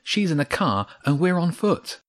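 A man's voice: medium pitch, huge pitch swings, moderate pace, voice pushed up. A man voicing a bold, worried schoolgirl in a children's story. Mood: urgent.

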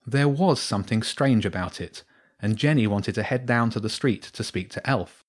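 Man reading a storybook, lowish voice. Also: normal speed. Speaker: narrator.

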